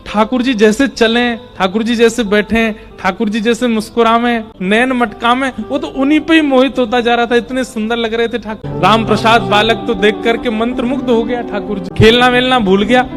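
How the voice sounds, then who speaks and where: A man tells a devotional story with expressive, reverent narration. His voice is high, and faint music plays underneath. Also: normal speed, hardly any pauses.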